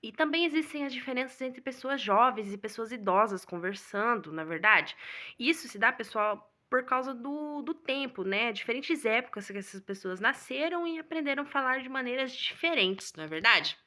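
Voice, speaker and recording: A woman's voice: a little high, animated, normal speed, pushed and bright. A Brazilian woman with a Brazilian Portuguese accent teaching an English lesson in a video, often checking in with viewers through tag questions. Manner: didactic, keeps addressing viewers with tag questions.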